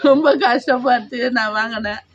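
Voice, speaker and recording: A woman, crying through a street interview in a high voice. She wails and repeats herself in a steady lament. The recording is dry, dull and lo-fi. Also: moderate pace, no echo. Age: 50s. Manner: wailing, repetitive lament. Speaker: robbery victim interviewed by a reporter.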